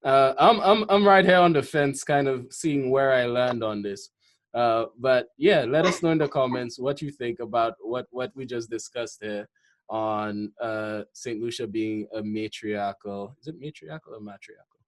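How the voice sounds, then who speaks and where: A host leading a casual interview, relaxed and full of fillers, inviting viewers to comment. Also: medium pitch, measured pace. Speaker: podcast host.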